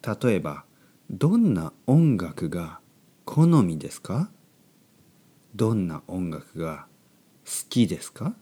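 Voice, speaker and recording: Slow, animated man teaching through a podcast. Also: deep voice, breathy edge. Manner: repeats and paraphrases key words simply for learners. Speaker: podcast host for learners of Japanese. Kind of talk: simple, unscripted language-learning podcast talk.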